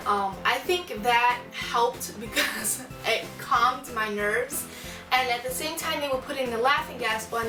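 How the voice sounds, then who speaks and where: A young adult woman telling a personal story in a casual, informal, rambling way, often repeating words for emphasis. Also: a little high. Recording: echoey room, distant mic, music behind.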